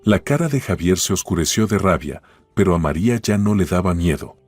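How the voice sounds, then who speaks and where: A man narrating a dramatic story in a calm, even storytelling manner, in a scripted voice-over. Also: deep voice, a little fast, slightly rough. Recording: dry close voice-over with faint music.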